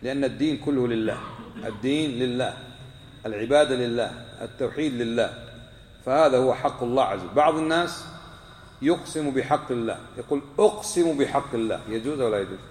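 A religious teacher with a brisk, somewhat mellow, medium-pitched male voice leads a live class, quizzing his listeners and repeating key points for emphasis. The recording has the long reverb of an echoey hall.

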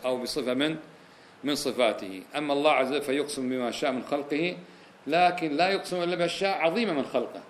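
A man's voice: mid-range voice, a little hiss or hum. A man teaching a Quranic exegesis lesson, explaining point by point, repeating key phrases and putting rhetorical questions to his listeners. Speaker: religious teacher.

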